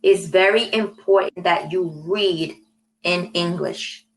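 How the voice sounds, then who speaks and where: A young woman from New York City, working as an English tutor, chats casually on a video call in a fairly low-pitched voice, friendly and measured, often repeating her phrases. The audio quality is poor.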